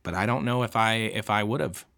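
A man gives casual, emotional commentary on a true-crime book he is reading for his show. His voice is bright and tense. He stumbles, restarts, and swears as he works through his feelings. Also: on the low side, creaky. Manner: halting, with many restarts and swearing.

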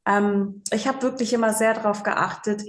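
A woman's voice: mid-range voice, steady tone, moderate pace. A woman in her forties, a psychological counselor, telling stories in a casual interview with lots of fillers. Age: 40s. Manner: chatty storyteller, many fillers, laughs easily. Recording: roomy echo.

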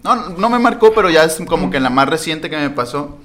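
A man's voice: on the high side, brisk. Slangy young Mexican man telling a story. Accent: Mexican Spanish. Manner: slangy, animated, laughing retelling. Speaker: storyteller in a group podcast. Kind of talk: casual storytelling chat.

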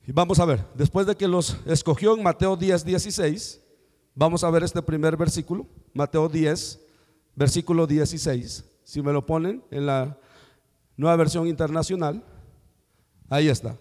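A man preaching a sermon, telling stories and acting out dialogue with lively questions to the congregation. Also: a little high, moderate pace. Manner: animated storytelling, acting out dialogue. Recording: long hall reverb.

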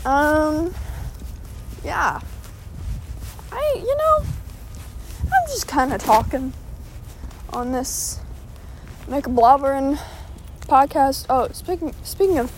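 A woman's voice: high voice, a little hiss or hum, poor audio. A teenage girl chatting casually while walking around her neighborhood, rambling with lots of filler words and a bit out of breath. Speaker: vlogger. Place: outdoors walking through a neighborhood.

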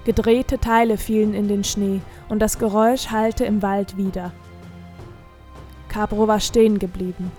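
A woman reading a fantasy audiobook in steady, scripted narration. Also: medium pitch, unhurried, soft background music.

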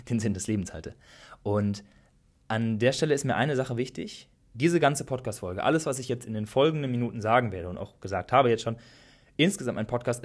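A man hosting a podcast and thinking aloud in an earnest, casual way. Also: on the low side. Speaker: podcast host. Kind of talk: reflective podcast monologue.

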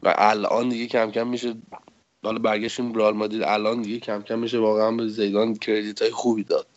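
A man's voice: fairly low pitch, flat delivery. A man co-hosting a casual football podcast, laying out long analytical arguments about coaches and tactics. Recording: slightly dull, lo-fi sound.

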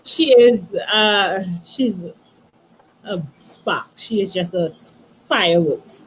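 Woman, 30s, interview guest; soft and halting with restarts, middle pitch, faint noise behind. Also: poor audio. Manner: soft, halting, many restarts and "you know". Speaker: guest, author. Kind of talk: emotional personal storytelling.

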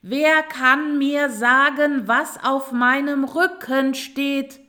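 A woman's voice: on the high side, lively intonation, measured pace. A woman voicing an impatient, vain female turtle with a golden shell, calling out insistently. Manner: insistent, indignant calls.

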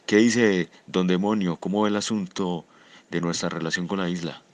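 A man's voice: sits low, fairly even intonation, normal speed. A man hosting a radio talk show, addressing his guest in a fraternal way. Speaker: radio host.

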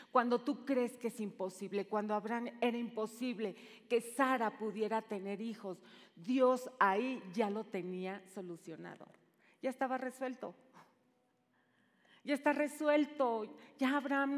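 Middle-aged woman preacher, dramatic delivery shifting from loud to hushed, fairly high voice, reverberant church hall. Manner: dramatic, swings from loud calls to hushed shushing. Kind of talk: sermon. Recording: long reverb in a large hall.

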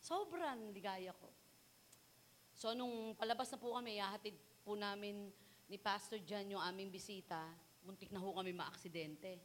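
A woman preaching a sermon. She mixes Tagalog and English and moves from a quiet personal story to loud, fervent exhortation. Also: medium pitch, moderate pace, long reverb tail, a little hiss or hum. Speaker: pastor's wife preaching.

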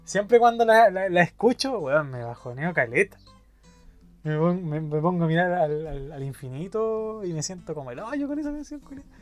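A man's voice: sits high, animated, normal speed, darkish tone, faint music behind. A young man with a Chilean accent, joking around and swearing freely in casual chat.

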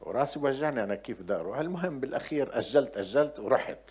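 A middle-aged man with a Levantine Arabic accent preaching a sermon, telling chatty personal anecdotes and swinging from quiet asides to loud, emphatic points. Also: mid-range voice, animated, very fast, breathy edge.

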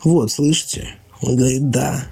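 A man voicing a sly, boastful young male ghost who whines and pleads, in a gravelly voice. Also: mid-range voice, steady tone, moderate pace, dark tone, voice pushed up. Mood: wheedling.

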